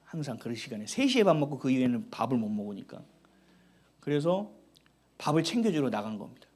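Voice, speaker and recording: A man's voice: medium pitch, brisk. A middle-aged man preaching a sermon as pastor, telling family stories with acted-out dialogue. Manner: animated storytelling, acting out family dialogue.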